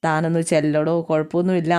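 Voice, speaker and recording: A woman's voice: sits low, flat delivery, fast talker, warm tone, clean tone, close to an everyday voice. A woman voicing a moody young husband who curtly sends his wife away. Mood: withdrawn.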